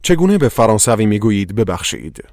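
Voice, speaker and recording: A man narrating a language course in slow, measured scripted instructions. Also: mid-range voice, expressive, no echo, clean studio sound.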